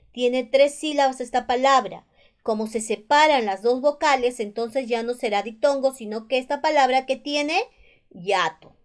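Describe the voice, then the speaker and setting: Patient high-voiced Peruvian woman teaching. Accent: Peruvian Spanish. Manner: patient, repeats each rule slowly. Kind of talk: spelling lesson explained over slides.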